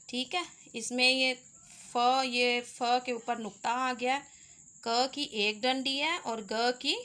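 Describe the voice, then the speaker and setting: A woman's voice: a little high, fairly bright tone. A woman teaching Urdu letters step by step, patiently sounding out each letter with its vowels. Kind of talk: slow step-by-step lesson.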